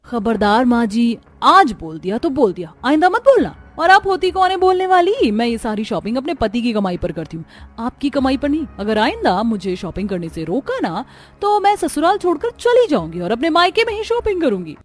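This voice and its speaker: A woman voicing a lazy, defiant young bride in a cartoon story, haughty and quick to threaten. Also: fairly high pitch, very animated, darkish tone. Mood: shouting, haughty. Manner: haughty, threatening, raising her voice. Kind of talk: animated storybook dubbing.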